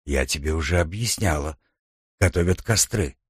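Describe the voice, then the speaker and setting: A man reading the part of a grim, terse young mother, speaking curtly and low. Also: moderate pace, slightly rough, dry recording, studio quality. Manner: curt, low and hushed.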